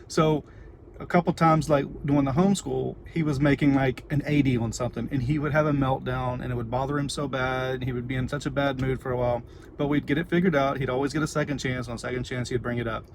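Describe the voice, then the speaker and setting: A man's voice: medium pitch, fairly even intonation, fast. A middle-aged man with a Texan accent, chatting casually and informally in a rambling livestream to viewers from inside a car. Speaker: vlogger and parent. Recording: noisy car with ambient background noise.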